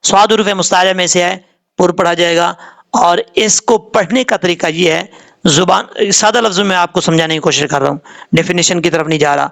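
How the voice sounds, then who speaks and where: A man gives a tajweed lesson in a fairly high voice with a gravelly, creaky edge. He sounds out each syllable slowly and rattles through his explanations. When he recites, his chant rises and stretches out. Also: fairly even intonation, a bit bright. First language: Urdu. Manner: spells syllables slowly, then explains quickly; chants verses in a raised, drawn-out tone. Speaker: Quran recitation teacher.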